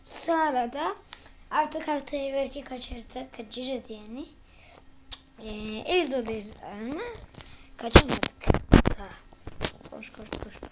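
High-voiced excitable woman gaming. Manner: excitable, shouts and mutters at the game. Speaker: gamer. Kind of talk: let's play commentary. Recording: noisy home recording.

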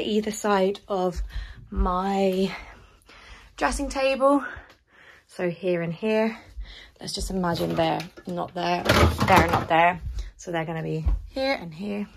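A young woman chatting casually and rambling as she walks a camera through the rooms of her small house. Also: mid-range voice. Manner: chatty, rambling, filler-heavy. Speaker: vlogger. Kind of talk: casual house tour vlog. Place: small house indoors, moving between rooms.

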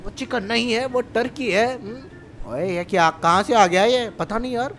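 A young man hosting comic gameplay commentary, excitable and full of banter, switching between two bickering voices. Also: sits high, normal speed, slight background noise. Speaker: gaming channel host.

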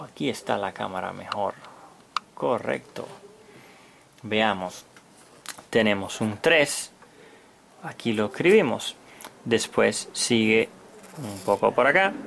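A man's voice: on the low side, vocal fry, a bit bright. A man giving a step-by-step children's math lesson like a kids show host, in simple short phrases, as a teacher. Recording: noticeable background noise.

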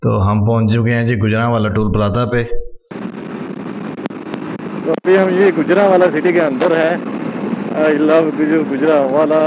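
A man's voice: medium pitch, background noise. A young man, chatting to viewers as a travel vlogger while riding a motorbike outdoors, filmed on an action camera. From Pakistan. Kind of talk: casual travel vlog narration.

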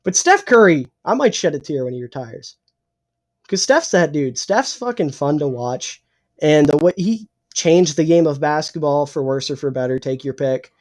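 Opinionated young man, husky throat. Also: on the high side, lively intonation, normal speed. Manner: opinionated, swears freely, hot takes. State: losing his voice, clearing his throat. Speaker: podcast co-host. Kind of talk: casual sports chat.

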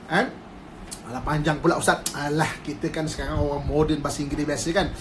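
Animated Malaysian religious teacher, man. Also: a little high, quick pace, noisy background. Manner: animated, mixes English terms, laughs, acts out quoted spouses. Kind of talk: informal religious lecture on a live stream. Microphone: phone live stream.

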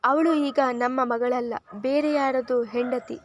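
A woman's voice: sits high, a little slow, background noise. A woman voicing a middle-aged father who speaks coldly and tersely about his estranged daughter. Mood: stern. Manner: flat, clipped. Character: stern middle-aged father, hurt and cold.

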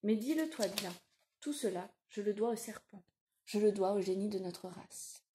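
Woman reader voicing a middle-aged blacksmith father, solemn and tender, mellow tone, audiobook. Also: mid-range voice, animated, moderate pace, a little hiss or hum, lightly acted. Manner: solemn, confiding. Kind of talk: audiobook reading.

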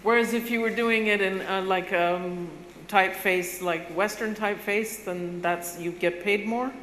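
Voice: mid-range voice, steady tone, a little slow, fairly bright tone, slight background noise. A moderator keeps the panel moving with engaged, prompting questions in a middle register. The voice carries long hall reverb and faint ambience.

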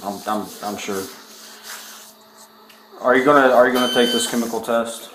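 A man, a police officer speaking calmly and firmly during an arrest. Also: medium pitch, moderate pace. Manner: calm, firm and repetitive. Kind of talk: arrest procedure. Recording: echoey room with background noise.

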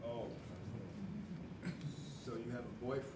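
A man's voice: medium pitch, level tone, slow, close to an everyday voice. An actor playing a cocky, teasing male blogger and former politician on a theater stage, recorded from a distance. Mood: smug. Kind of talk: stage musical acting. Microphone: far room mic. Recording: echoey noisy stage from far off.

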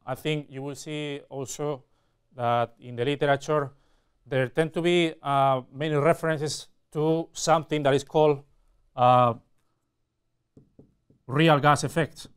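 A man in his forties giving a technical university lecture, explaining step by step with frequent pauses mid-phrase. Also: a little high, steady tone, clean tone. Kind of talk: technical lecture at a whiteboard with slides. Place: indoor classroom or studio with whiteboard.

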